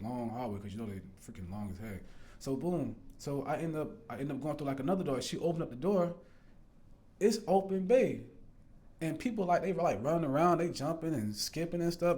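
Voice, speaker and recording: In a dark voice on the high side, a storyteller casually recounts his faith testimony. It's earnest and meandering, packed with fillers, restarts and "bro," and he swears every word is true.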